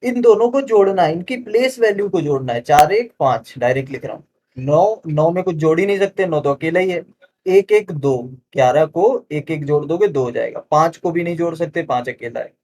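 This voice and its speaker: A male tutor with a slightly high-pitched voice walks through exam reasoning problems step by step. He talks in a friendly, chatty way, keeps checking that the viewer follows, and slows down when he reads each statement aloud. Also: animated, darkish tone. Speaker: reasoning teacher for exam prep. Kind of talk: explaining solved exam questions.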